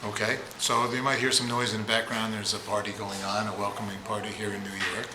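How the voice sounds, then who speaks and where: A man hosting an interview, talking haltingly with many restarts. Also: on the low side, flat delivery, noisy background. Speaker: interviewer, host. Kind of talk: casual interview. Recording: echoey room at a loud party.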